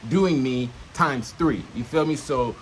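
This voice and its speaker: This rough recording carries a little hiss or hum, with a man speaking at medium pitch and a measured pace. Out in nature, the self-help vlogger talks casually and unscripted to camera, teaching in street slang with frequent swearing. He punctuates his points with questions that check in with the listener.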